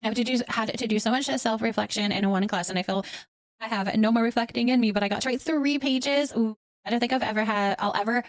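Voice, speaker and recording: A Canadian woman runs a casual livestream, reading out and answering comments warmly, encouraging viewers and calling them by endearments. Her voice is fairly high and quick. There's no room sound.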